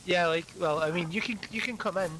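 A man's voice: high-pitched, brisk, fairly bright tone, slight background noise, poor audio. A man with a heavy Scottish accent chatting casually as an online game player, often repeating his phrases, over game voice chat. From Scotland.

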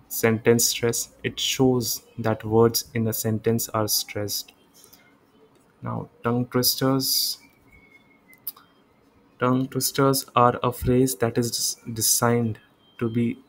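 Slow, flat-voiced tutor. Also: male voice, medium pitch, poor audio. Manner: reads English slides slowly, explains quickly in Hindi; self-correcting, repeats examples aloud. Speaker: online tutor. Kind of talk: exam revision lecture.

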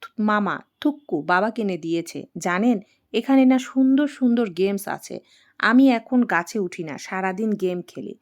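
A woman's voice: medium pitch, animated, normal speed, darkish tone, natural voice. A woman voicing a naive, playful young girl bride who chatters innocently. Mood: chattery.

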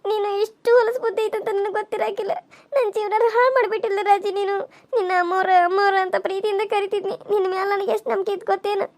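A wronged young pregnant wife from a village cartoon, as a woman plays her, wailing her reproaches through tears. Her voice sits extremely high. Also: little pitch movement, rapid-fire, hardly any pauses, a little mellow. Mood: tearful. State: crying. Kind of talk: cartoon serial voice acting.

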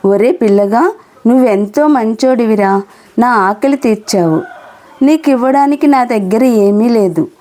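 Lady doing a poor hungry old woman, plain village talk, mellow. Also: a little high, lively intonation, measured pace. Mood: grateful.

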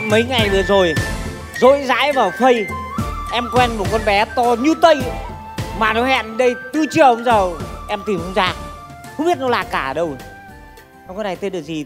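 A man's voice: high voice, natural voice. A man playing a cocky young joker. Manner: chatty, addressing the audience, calling out loudly. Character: cocky young man hunting an online date. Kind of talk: stage comedy monologue.

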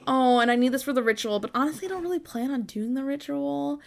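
A woman's voice: high voice, fast talker, gravelly, a little mellow. Casual, self-deprecating woman gamer. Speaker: gaming video host. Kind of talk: casual game commentary.

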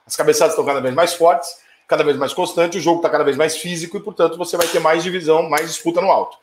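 A middle-aged Brazilian man talks fast and fiery on a live stream, swearing freely as he reacts to viewer comments. His voice sits a bit high for a man. The room around him is echoey and bare. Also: fairly even intonation, a little hiss or hum. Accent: Brazilian Portuguese. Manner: profane, fiery, quick to anger and rant. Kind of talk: casual heated live chat.

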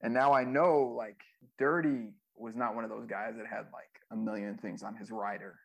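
A man with a somewhat low, gravelly voice talks through an interview as a former music manager. He tells his stories loosely and profanely, with plenty of fillers and restarts. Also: fairly even intonation, normal speed. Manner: loose, profane storytelling with many fillers and acted quotes. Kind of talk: casual storytelling interview.

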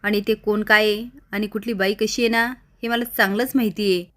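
A woman's voice: medium pitch, fairly even intonation, brisk, a bit bright, natural voice. Woman reading as an outspoken young woman. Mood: indignant.

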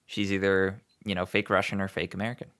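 Laid-back low-voiced man. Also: level tone, fast, a bit bright. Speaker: podcast co-host. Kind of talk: casual chat.

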